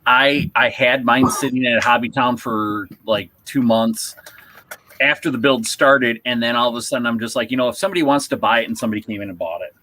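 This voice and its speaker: Guy cohosting a hobby podcast, bright tone, lots of um and restarts, faint hiss behind. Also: mid-range voice, low-quality recording. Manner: rambling, halting with many restarts. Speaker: podcast co-host. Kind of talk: casual chat.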